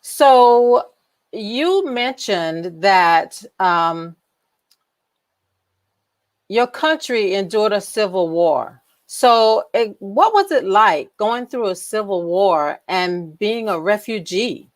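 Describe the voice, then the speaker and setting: A woman from South Carolina hosting a podcast, asking questions in an unhurried, encouraging way. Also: mid-range voice, expressive. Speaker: podcast host. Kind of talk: interview questions.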